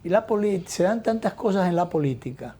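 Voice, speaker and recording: A man hosting a talk show, offering political commentary in a measured, reflective way with frequent hesitations and restarts. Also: high voice, lively intonation, mellow, husky.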